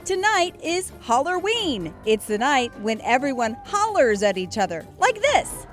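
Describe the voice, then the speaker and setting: A woman voicing an eccentric, excitable man at a tea party who talks loudly and emphatically. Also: sits high, a little slow, soft background music, voice pushed up. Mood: excited. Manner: loud, emphatic, hollering.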